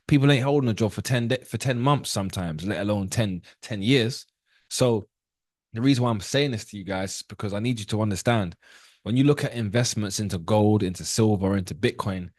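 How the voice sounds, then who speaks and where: A man's voice: fairly low pitch, dry recording, clean studio sound. A man in his thirties teaching trading on a live call, casual and direct, often asking his viewers questions. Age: 30s. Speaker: trading educator.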